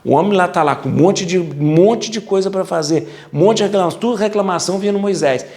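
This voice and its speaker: A man's voice: high-pitched, fast. A man with a Brazilian accent, a priest giving a casual Bible lesson, talking directly to viewers and repeating words for emphasis. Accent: Brazilian Portuguese. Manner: lively, repetitive, talks to viewers directly.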